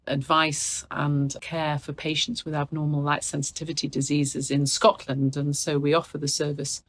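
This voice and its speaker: Deep-voiced, even-toned professional woman. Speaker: medical professor and unit head. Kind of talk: formal explanatory interview talk.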